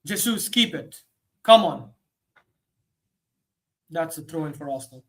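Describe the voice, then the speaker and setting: Male streamer calling a match live; excitable reactions, drops low then bursts out loud. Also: unhurried. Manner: excitable, swings from low muttering to sudden shouts. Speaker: host of a football watchalong stream.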